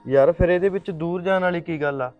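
A man's voice: a little high, fast, phone-quality sound, faint music behind, close to an everyday voice. A young man in a short film playing a caring college friend who reassures her. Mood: concerned. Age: young adult.

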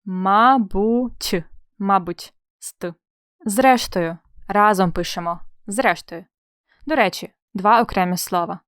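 A woman's voice: mid-range voice, a little slow, a bit bright, no echo, studio quality. A young woman teaching an exam-prep spelling lesson, explaining in a friendly way with playful comparisons and questions to the viewer.

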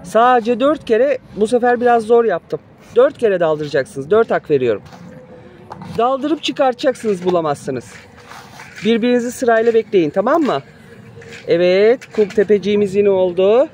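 A thirtysomething mom narrates as her children play in the backyard, filming on a handheld phone for a casual family vlog. Her tone is playful and coaxing, with frequent laughter, and her mid-range, darkish voice is animated at normal speed. There's slight background noise.

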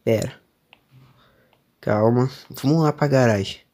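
A young man with a Brazilian accent narrates his way through a horror game. He sounds jumpy and nervous, with frequent startled exclamations. His voice sits in an ordinary middle pitch. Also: takes it slowly, mellow. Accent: Brazilian Portuguese. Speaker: gamer streamer. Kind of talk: let's play commentary.

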